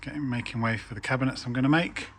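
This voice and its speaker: A man's voice: medium pitch, quick pace, slight background noise. A man talking casually to camera as a DIY vlogger, chatty and self-deprecating.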